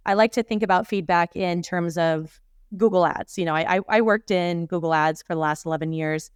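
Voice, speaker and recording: Woman coach on a podcast, smooth clear voice, dry close sound, talks openly about her career. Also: on the low side, a little fast, no echo. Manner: candid, reflective storytelling. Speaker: leadership coach and guest. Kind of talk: podcast interview.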